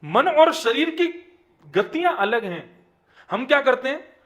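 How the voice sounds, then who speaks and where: A young man delivers a sermon in a high voice. He pushes his key points up with force and lets the ends of lines fall quiet. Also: sing-song. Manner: sermon delivery with rising emphatic lines and soft dropped endings; chants verses slowly in song. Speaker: preacher.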